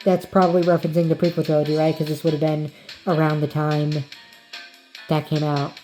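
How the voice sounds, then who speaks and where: Low-pitched woman with a mellow voice. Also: level tone, brisk, soft background music. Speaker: host of a reaction show. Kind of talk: casual reaction commentary over a video.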